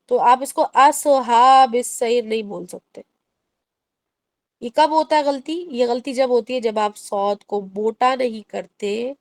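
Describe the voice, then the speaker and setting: A woman with a slightly high, somewhat mellow voice teaches tajweed in an online Quran recitation lesson with no echo. She explains in Urdu mixed with English and recites the Arabic in a slow, drawn-out way.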